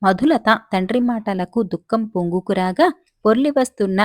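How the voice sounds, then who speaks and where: A woman's voice: mid-range voice, moderate pace, mellow, no room sound. Woman telling a folk tale, dry sound. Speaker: storyteller. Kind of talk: scripted narration of a folk tale.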